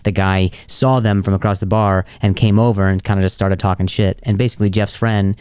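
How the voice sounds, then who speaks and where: Mellow, smooth-voiced man telling stories. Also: fairly low pitch, brisk, dry recording. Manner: animated storyteller, acts out quotes. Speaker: podcast co-host. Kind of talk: casual podcast chat.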